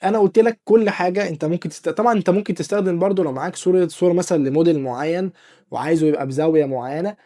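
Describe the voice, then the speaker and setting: A man with an Egyptian Arabic accent hosting a casual, joking software tutorial and talking straight to the viewer. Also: on the high side. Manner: chatty, joking, addresses viewer as dear artist. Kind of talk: casual screen-recorded tutorial.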